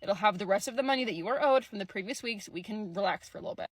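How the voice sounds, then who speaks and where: A woman's voice: mid-range voice, very fast, breathy edge, dry recording. A young woman, a travel nurse, telling her story in an exasperated, sarcastic, casual vlog. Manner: exasperated, sarcastic, animated retelling.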